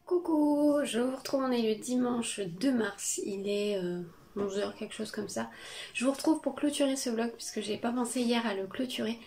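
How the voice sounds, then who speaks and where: A woman chatting casually in her home craft studio vlog, with a cold, talking hesitantly with many fillers and pauses. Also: on the high side, darkish tone. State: sniffly with a cold. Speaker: craft vlogger.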